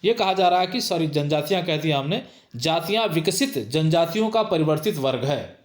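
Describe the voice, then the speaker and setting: A man's voice: a little high, lively intonation, moderate pace, roomy sound. A middle-aged male sociology teacher giving an exam-prep lecture, reading each multiple-choice question twice before stating the answer. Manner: reads each question twice, then gives the answer with emphatic repetition.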